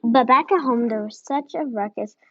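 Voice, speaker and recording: A woman reading a picture book aloud, slowly sounding out the harder names. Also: fairly high pitch, highs cut off, a little hiss or hum. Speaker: storybook reader.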